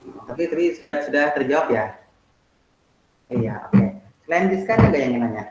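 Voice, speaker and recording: A man's voice: mid-range voice, lively intonation, normal speed, background noise. Man, teacher, online class, "nah"-heavy explaining, echoey room. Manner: explains with many "nah" and asides, asks students questions. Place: home, online video class. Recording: roomy echo.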